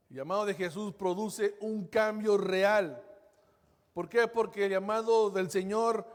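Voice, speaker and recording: A male pastor preaches a fervent sermon in a high, bright voice, building to bold peaks and then dropping to near-whispers. Each phrase trails off into the long reverb of a large hall.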